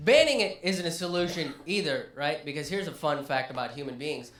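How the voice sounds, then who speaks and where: A male comic works a small live room with a ranting, animated delivery. His voice swings widely in pitch as he builds each bit. The sound rings off the venue's walls. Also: a little fast, roomy sound, a little hiss or hum. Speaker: stand-up comedian. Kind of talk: live stand-up comedy.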